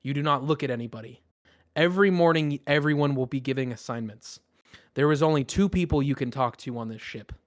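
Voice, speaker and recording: A man voicing a cruel, domineering male pirate captain who barks orders and makes quiet threats. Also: medium pitch, a little fast, dry recording, studio quality, close to an everyday voice. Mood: commanding. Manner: barking commands, menacing.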